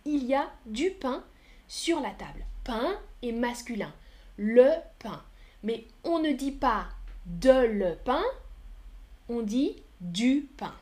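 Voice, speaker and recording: A woman teaches a French lesson on a live stream, talking very slowly and clearly as she counts aloud and answers the chat. Her voice sits high and moves a great deal. Now and then she drops a word to a soft whisper. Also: lively intonation.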